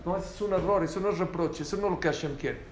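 A man teaching a lively Torah class to a small group, asking rhetorical questions and repeating phrases for emphasis. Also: sits high, fast. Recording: roomy echo, faint background noise.

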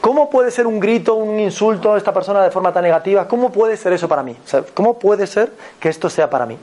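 A man with an accent from Spain giving a motivational talk as a personal growth mentor, animated and repetitive, often checking in with his listeners. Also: sits high, quick pace. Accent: Spain Spanish.

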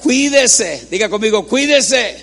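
A man's voice: high voice, lively intonation, unhurried, pushed and bright, slight background noise. A man preaching a humorous sermon in a church, joking with the congregation and having them repeat words after him.

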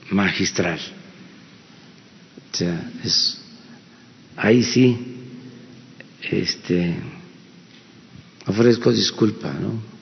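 Mexican man, president at a press conference, very slow halting delivery, gravelly voice, long hall reverb on a dull lo-fi recording. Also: medium pitch. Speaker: president answering press questions.

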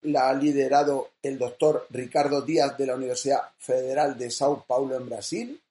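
A man's voice: mid-range voice, fairly even intonation, moderate pace, dark tone, echoey room. A man co-hosting a casual chat show, reading news items in a conversational way. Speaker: co-host. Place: small room at home.

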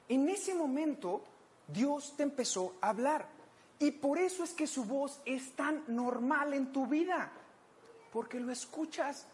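A woman with a Mexican accent preaching a conversational sermon, playful and jokey, acting out little scenes for her listeners. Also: high-pitched. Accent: Mexican Spanish.

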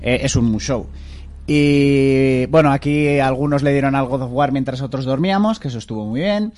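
A man chatting casually with friends, telling lively stories and swearing freely. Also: medium pitch, moderate pace. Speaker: podcast co-host. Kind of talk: casual chat among friends about video games.

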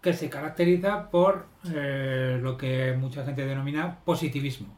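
A man's voice: medium pitch, normal speed, darkish tone. A man in a casual podcast chat, teasing in a mock-formal way and arguing his points. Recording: echoey room.

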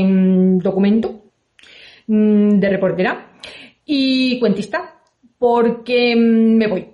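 High-voiced woman telling a children's tale. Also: roomy sound, muffled recording. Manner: lively, playful, acts out the characters. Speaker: reporter and storyteller.

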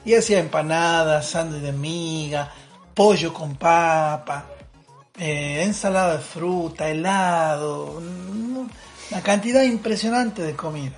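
A man's voice: fairly high pitch, soft background music. Chatty man, laughing a lot. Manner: chatty, laughs often, quick bursts. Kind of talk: casual chat.

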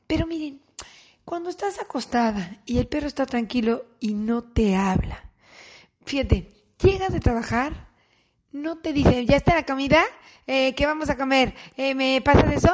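High-voiced Mexican woman, crude comic rant. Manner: crude, profane and chatty, addressing listeners directly. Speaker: comedian. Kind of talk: stand-up style comic monologue.

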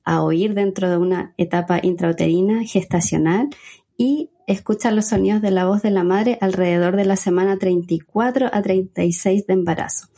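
Warm, husky-voiced woman explaining. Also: mid-range voice. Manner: measured, explanatory. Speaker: guest speech therapist. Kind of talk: explanatory interview talk.

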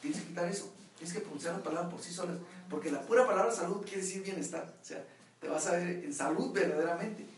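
A man's voice: sits high, quick pace, a little hiss or hum. A man with a Mexican accent leading a group session, making emphatic points and checking that everyone understands. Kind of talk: instructive group talk. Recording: echoey room, far from the mic.

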